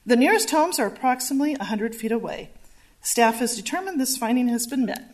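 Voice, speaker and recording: A woman staff planner presenting a zoning variance report at a public hearing, measured and reading from slides. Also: on the high side, animated.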